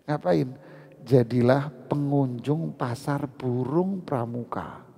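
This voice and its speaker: A man giving a lively, joking sermon at a mosque study session, teasing the congregation questions. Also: medium pitch, slow, creaky, husky. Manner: animated, teasing, asks the audience questions. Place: mosque hall. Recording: reverberant mosque hall.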